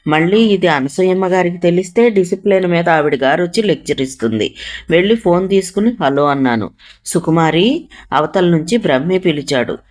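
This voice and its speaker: A woman narrating a first-person story as a storyteller, briefly acting out the quoted lines of its characters. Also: lowish voice.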